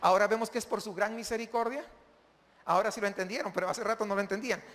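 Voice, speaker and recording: High-voiced pastor preaching in a hall. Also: male voice, fairly even intonation, rapid-fire, fairly bright tone. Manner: keeps asking the congregation questions. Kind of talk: sermon.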